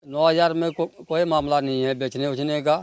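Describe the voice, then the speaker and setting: A man's voice: on the high side, steady tone, moderate pace, a little mellow, smooth, soft background music. A man being interviewed, insistently denying everything. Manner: defensive, insistent denial.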